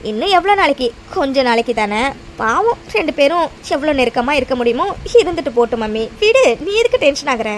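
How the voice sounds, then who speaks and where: A cool-headed, scheming young woman from an animated story voiced by a woman. She brushes off worries in a breezy, dismissive tone, with a fairly high voice. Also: fast, a little hiss or hum. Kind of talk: cartoon voice acting.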